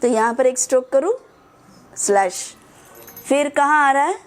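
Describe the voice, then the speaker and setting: A woman teaching children to pronounce Sanskrit verses, drilling syllables slowly and patiently. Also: high voice, expressive. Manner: slow, patient drilling of syllables, mixing English words. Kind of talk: online class teaching.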